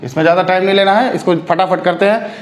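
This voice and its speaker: High-voiced Hindi teacher in echoey room. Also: male voice, fast. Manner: drills correct forms, repeating words with frequent check-ins. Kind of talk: exam-prep spelling lesson.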